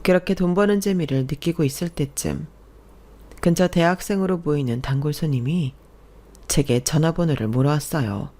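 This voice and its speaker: A woman narrating a first-person radio story in a calm, confiding storytelling manner. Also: low-pitched, normal speed.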